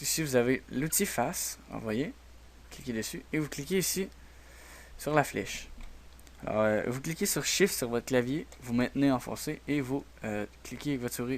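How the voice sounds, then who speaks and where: A man with a Québécois French accent hosting a software tutorial, talking quietly and hesitantly with many fillers. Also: medium pitch. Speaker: tutorial host. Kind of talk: screen-recorded software tutorial.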